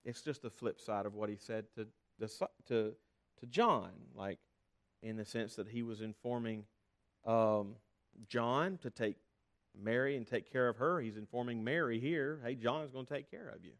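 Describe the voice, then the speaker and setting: A man's voice: mid-range voice, normal speed. A man preaching a sermon as pastor, earnest and conversational, often restarting his phrases.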